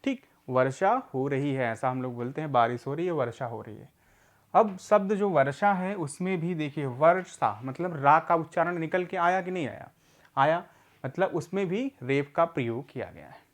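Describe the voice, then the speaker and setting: A man's voice: on the high side, expressive. Patient man teaching a reading lesson. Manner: patient, asks questions and answers them himself; repeats words slowly for learners. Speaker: literacy teacher.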